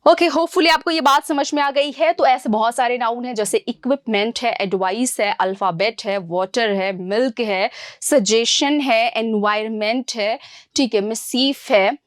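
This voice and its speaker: A young woman runs an exam-prep grammar class in a fairly high voice. She calls her students "beta" and "guys" and answers her own questions. The sound is dry and close, with no room echo. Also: a little slow, clear, resonant tone. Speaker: English teacher.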